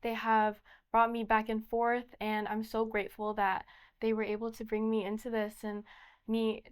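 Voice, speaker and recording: A woman's voice: on the high side, clear, resonant tone. A young woman giving earnest interview answers as a pageant candidate. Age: young adult.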